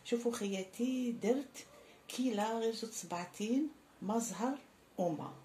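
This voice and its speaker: A woman's voice: on the high side, normal speed, warm tone, a little hiss or hum. A woman with an Algerian Arabic accent hosting a cooking tutorial, talking viewers through each step in a friendly way and calling them sisters. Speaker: cooking channel host.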